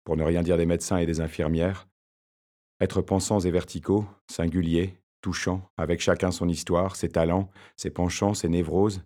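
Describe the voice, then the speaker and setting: A man's voice: deep voice, level tone, normal speed, warm tone, natural voice. A man reading a wry academic husband. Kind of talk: audiobook character narration.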